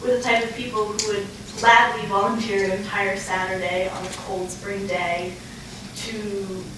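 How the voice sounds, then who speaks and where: A young adult woman giving an earnest, prepared acceptance speech as an award recipient, halting with pauses as she goes. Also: mid-range voice, flat delivery. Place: large echoey room, live event. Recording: echoey, noisy room, distant mic.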